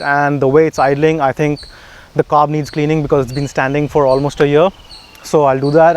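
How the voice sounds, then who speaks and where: A man with a slightly high voice, explaining motorbike repairs step by step in a relaxed, plain-spoken manner. He is outdoors, with faint background noise behind him. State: a bit out of breath. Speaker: motorcycle vlogger. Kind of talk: casual how-to narration. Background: idling motorbike engine.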